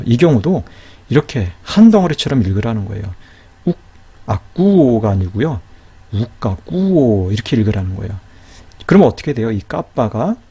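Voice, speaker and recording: Husky patient male lecturer. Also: mellow. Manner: patient, explanatory, often asks "right?" with rising pitch. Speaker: Greek grammar teacher. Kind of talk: recorded lecture.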